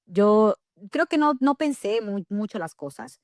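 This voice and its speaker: A woman's voice: mid-range voice, expressive, measured pace, dry recording, clean studio sound. A young woman from El Salvador with a Salvadoran Spanish accent, a podcast guest telling her own story candidly with many fillers and self-corrections. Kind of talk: personal storytelling in an interview.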